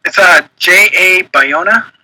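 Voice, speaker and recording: Hesitant male co-host, casual chat, bright tone, somewhat high. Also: slow, rough recording. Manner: hesitant, many fillers. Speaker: podcast co-host.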